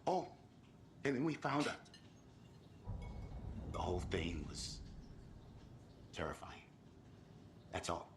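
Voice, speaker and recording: Shaken male tourist, game drama; casual slang, unhurried delivery, faint ambience. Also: sits low, very animated, exaggerated voice. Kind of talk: video game voice acting. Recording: faint background ambience noise.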